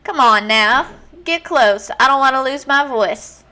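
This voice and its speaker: A woman's voice: high-pitched, unhurried, pushed and bright, voice pushed up. A woman voicing a cheerful Southern American woman giving a tour, bubbly and sing-song.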